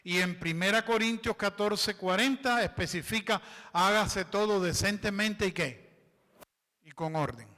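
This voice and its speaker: Unhurried and sharp-toned, with a voice that sits high, a pastor preaches in a church hall with long reverb. He reads scripture, explains it, and has the congregation supply the missing words.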